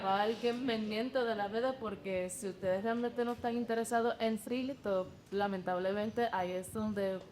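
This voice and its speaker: Estudiante joven, vacilante y bilingüe. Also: female voice, medium pitch, fairly even intonation, moderate pace, darkish tone, a little hiss or hum. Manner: hesitant, mixes English words. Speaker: student asking a question.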